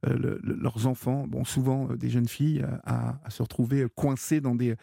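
Male radio host, gravelly voice, halting with lots of fillers, dry close sound. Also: mid-range voice, flat delivery, warm tone, no echo. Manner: halting, many fillers and repeated words. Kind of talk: radio call-in hosting.

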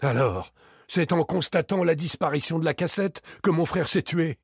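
A man voicing a furious, desperate male thief in an audiobook, stammering and shrill with rage. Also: moderate pace, husky, no echo, studio quality. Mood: pressing. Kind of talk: audiobook character reading.

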